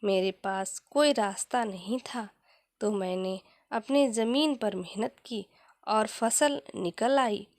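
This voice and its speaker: A woman voicing a poor, humble village man in a motivational story, with plain, measured delivery. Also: medium pitch, no room sound, studio quality. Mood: earnest.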